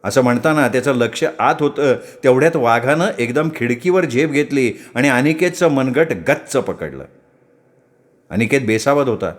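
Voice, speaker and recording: A man's voice: mid-range voice, expressive, normal speed. A man narrating a story with dramatic, vivid delivery.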